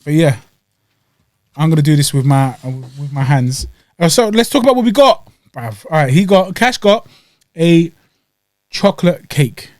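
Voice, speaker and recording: A man's voice: fairly high pitch, animated, moderate pace, pauses often, darkish tone, no room sound, clean studio sound. A man with a London accent and slightly weak R sounds, bantering casually as a podcast co-host with slangy, playful bickering while reviewing food. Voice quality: weakly pronounced R sounds. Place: podcast studio.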